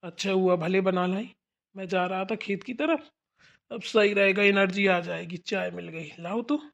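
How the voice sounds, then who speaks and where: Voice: medium pitch, creaky, fairly bright tone, dull audio. A voice artist playing a teasing old father-in-law in a cartoon. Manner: slow, teasing. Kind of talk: cartoon voice acting.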